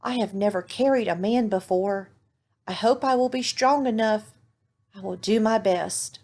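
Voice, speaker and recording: A woman voicing an eager, proud young male donkey in a read-aloud children's storybook, with a lively, excited manner. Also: mid-range voice, normal speed, lightly acted.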